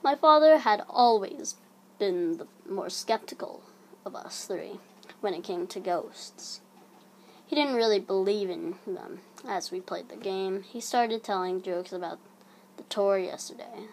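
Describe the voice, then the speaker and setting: A woman narrating a scripted horror story in a hushed, creeping manner, breathy and sometimes sinking toward a whisper. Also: medium pitch, measured pace. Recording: audible background noise.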